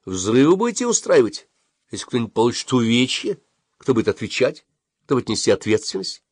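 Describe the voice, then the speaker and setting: A man voicing an anxious, scolding mother in an audiobook, pressing and shrill. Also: big pitch swings, fairly quick, a little mellow, no echo, studio quality. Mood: worried scolding. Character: anxious, scolding mother, middle-aged woman. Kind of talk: audiobook character reading.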